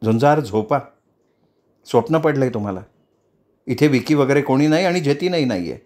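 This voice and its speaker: A man voicing a caring young wife who speaks softly to calm her husband. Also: mid-range voice, normal speed, close to an everyday voice. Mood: soothing.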